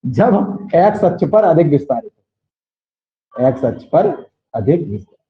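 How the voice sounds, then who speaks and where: A man's voice: fairly high pitch, very animated, normal speed. A man with a western Uttar Pradesh Hindi accent teaching a maths class, quizzing his students and repeating the key points. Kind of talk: classroom lecture. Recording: echoey, dull lo-fi classroom recording.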